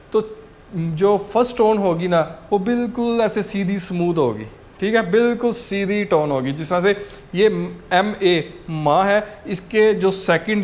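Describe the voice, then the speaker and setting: A man teaching a language lesson in a patient, explanatory way, often checking in with "okay" and sounding out examples. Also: sits high.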